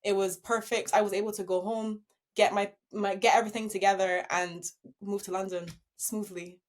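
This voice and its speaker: A young woman from Barbados talks through her dance career as an interview guest, upbeat and laughing easily. Her voice sits at an ordinary pitch for a woman and flows like casual storytelling. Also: fairly even intonation, moderate pace. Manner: upbeat, laughs easily while telling stories.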